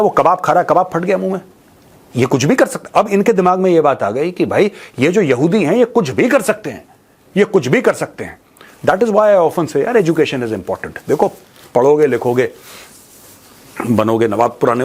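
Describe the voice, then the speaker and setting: A man whose voice is a little high with a breathy edge hosts a news commentary show. His monologue to viewers on current affairs is informal and opinionated, mocking and colloquial, with rhetorical questions, phrases repeated for emphasis, and English mixed in.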